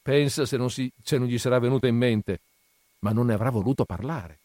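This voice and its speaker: A man's voice: medium pitch, darkish tone, no room sound, pitched above the performer's own voice, close to an everyday voice. A man reading aloud and voicing a shrewd, talkative middle-aged peasant mother who argues insistently and takes offence easily. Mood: knowing. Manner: insistent, persuasive, quick to take offence.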